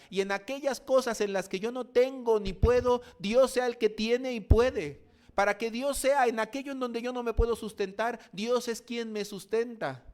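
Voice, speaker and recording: Dramatic Mexican pastor preaching. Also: male voice, sits high. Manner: dramatic, swings from quiet to forceful, acts out voices. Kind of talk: evening sermon.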